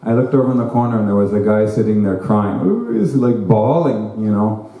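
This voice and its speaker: A man's voice: lowish voice, lively intonation, a little fast, roomy sound, lo-fi sound. A man giving an informal spiritual talk at an ashram, chatting and joking as he tells stories. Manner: conversational, joking, tells anecdotes with acted quotes. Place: ashram hall.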